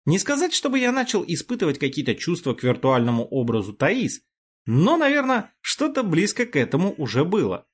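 A man narrating a first-person audiobook in a wry, expressive storytelling manner. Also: fairly high pitch, brisk, husky.

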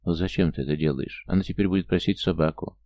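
A man voicing an irate, sharp-tongued young mother who snaps curt demands in an audiobook. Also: sits low, a little fast. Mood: weary.

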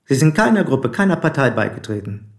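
The role here is a probing, formal police commissioner in a German radio play, spoken deliberately and insistently by a male actor. His mid-range voice has a sing-song quality.

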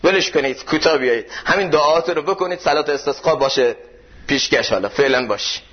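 A man with a Khorasani Persian accent preaching a mosque sermon on Masnavi poetry. He chants verses slowly and swings between high, loud pleading and low, hushed tones. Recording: dull lo-fi recording.

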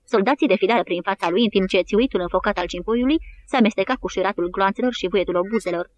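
A woman narrating an audiobook in a steady, even reading style. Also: mid-range voice, muffled recording, slight background noise. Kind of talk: scripted narration.

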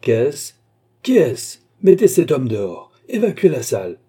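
A man's voice: medium pitch, normal speed, mellow, voice pushed up, lightly acted. A man reading aloud and voicing a harsh, bullying male magistrate who sneers and barks his orders. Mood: harsh, shouting. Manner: sneering, barking.

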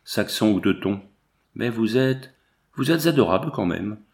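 Man reading an eager, smitten young American, stammers when flustered, gravelly tone. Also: on the low side, lively intonation, unhurried.

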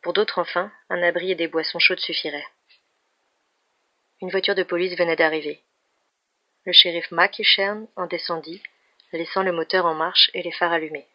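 A woman reading a novel aloud in a steady, even manner, in a dull lo-fi recording. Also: lowish voice, normal speed, long pauses. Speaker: reader.

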